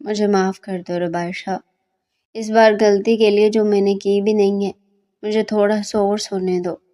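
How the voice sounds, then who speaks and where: A woman's voice: medium pitch, little pitch movement, measured pace, dark tone, close to an everyday voice. A woman voicing a grumpy sleepy young man. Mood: teasing. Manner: grumbling, mocking insults. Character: young male student, sleepy and teasing.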